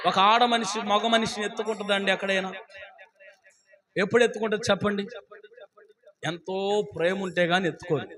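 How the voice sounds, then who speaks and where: A man's voice: high-pitched, fairly even intonation, brisk, long pauses, a crowd in the background. A man preaching a fervent sermon as pastor, calling out hallelujah and acting out the voices in his stories. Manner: fervent, calls out hallelujah, acts out quotes. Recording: live church service with congregation. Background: congregation.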